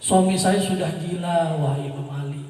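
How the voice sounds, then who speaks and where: A man voicing a calm, sensible wife in a raised voice, heard through an echoey outdoor PA from a distance. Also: a little high, moderate pace, natural voice. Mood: matter-of-fact. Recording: echoey yard PA from far off.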